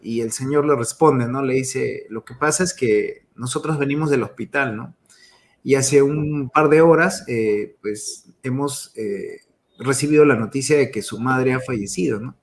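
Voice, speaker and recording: A man's voice: medium pitch, measured pace. A man giving a motivational talk on emotions in business, telling stories and tagging his phrases with a questioning "¿no?". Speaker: network marketing speaker.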